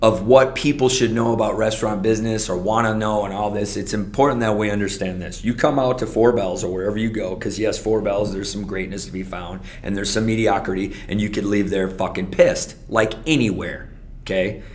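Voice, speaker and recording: A man's voice: on the low side, steady tone, brisk. A man, a restaurant server, ranting profanely and with animation in casual conversation.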